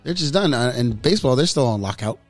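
A young man co-hosting a podcast chats casually about sports in a medium-pitched voice at a quick pace, with faint music in the background. He's animated and profane, swearing freely and acting out quotes in a raised voice.

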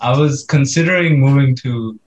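A man's voice: mid-range voice, normal speed, low-quality recording. A twenty-year-old man from India, a guest on a podcast, chatting casually and laughing often. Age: 20s. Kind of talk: casual chat.

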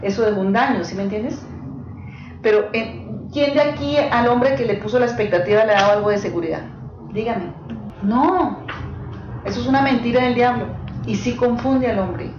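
An earnest woman with a fairly high voice speaks at normal speed, teaching a small live group in an echoey room. She is direct, tells stories from pastoral cases, and keeps checking in with her audience. The recording is dull and lo-fi, with faint hiss.

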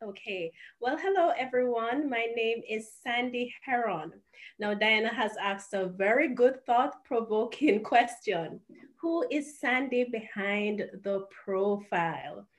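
A woman from Jamaica, a guest author answering interview questions in a thoughtful, measured way. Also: fairly high pitch.

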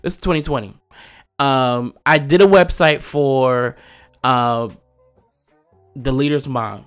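A man hosting a podcast, telling a personal story in a casual, animated way, laughing often and acting out the voices he quotes. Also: medium pitch, takes it slowly, smooth, faint music behind. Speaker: podcast host.

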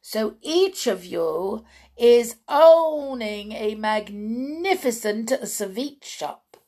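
A shrill, furious little witch queen shrieks her commands in strangely twisted English. Her voice sits high and blares out with rage. The whole delivery is slow and dragged out. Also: animated, mellow, heavily acted. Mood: commanding. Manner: shrieking, screeching, foreign-sounding broken English. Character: tiny furious female Grand High Witch.

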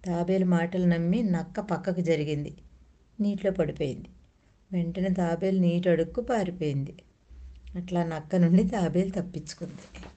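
A woman narrating children's stories in a slow, clear storybook manner. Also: on the low side, mellow.

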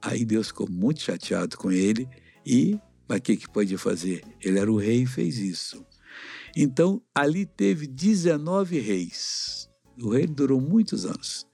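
A man's voice: mid-range voice, big pitch swings, measured pace, vocal fry, warm tone, breathy edge, soft background music. A middle-aged man with a Brazilian accent teaching a children's Bible lesson like an uncle, explaining and asking simple questions. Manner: avuncular, didactic, asks questions. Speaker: missionary Bible teacher, host.

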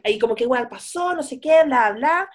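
Woman, casual chatter, giggles through her retelling, slightly high pitch. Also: animated, moderate pace. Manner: laughing often, acts out quotes in a raised voice. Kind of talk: casual chat retelling a story.

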